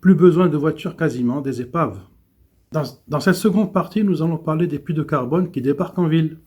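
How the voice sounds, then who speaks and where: A man's voice: a little high, fairly quick, darkish tone, breathy edge. A man reading economic and environmental news commentary, with small stumbles and restarts.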